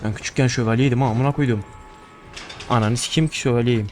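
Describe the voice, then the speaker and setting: A man's voice: mid-range voice, steady tone, quick pace, a little hiss or hum. A young man giving casual horror gameplay commentary, nervous and joking, swearing often as he plays. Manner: jittery, profane, joking to himself. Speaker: gaming streamer.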